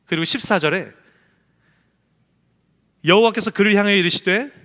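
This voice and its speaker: Pastor, male, bright forceful tone, echoey sanctuary; emphatic preacher who acts out quotes. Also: high voice, normal speed. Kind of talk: sermon. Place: church sanctuary. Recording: echoey church hall.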